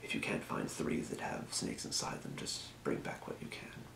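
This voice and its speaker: Breathy, unhurried whispers come from a man playing a helpful, quietly businesslike old-world fantasy potion shopkeeper for ASMR, murmuring and muttering to himself as he calmly explains. He sits at a desk in a small room, and the recording is reverberant with a noisy background, though his voice sounds natural.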